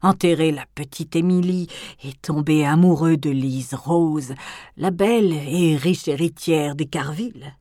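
A woman voicing a cold, menacing elderly aristocratic grandmother in an audiobook, speaking in hushed, often whispered tones that swell into threats. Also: low voice, unhurried, no echo, studio quality. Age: older. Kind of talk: audiobook character reading.

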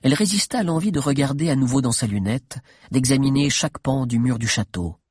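Husky male audiobook narrator. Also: mid-range voice, brisk, no echo, clean studio sound. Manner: expressive, lively storytelling.

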